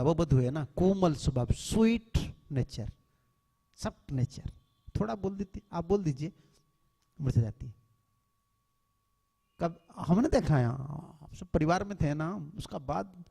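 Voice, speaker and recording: A man, a swami, lectures devotees in a temple with an earnest, admonishing tone, slipping English words into his talk. His voice sits somewhat high for a man. The hall adds a long, lingering reverb. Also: gravelly, dark tone, slightly rough.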